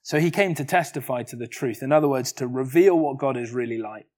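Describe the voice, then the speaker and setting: A man preaching an expository sermon in an earnest, measured way, often pausing on rhetorical questions. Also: mid-range voice, a little mellow.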